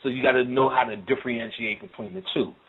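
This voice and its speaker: A man's voice: mid-range voice, very animated, fast, gravelly, slightly rough. Man lecturing over tinny phone-like audio. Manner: loose, profane storytelling with frequent "you know what I'm saying". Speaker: occult lecturer. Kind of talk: casual spoken lecture.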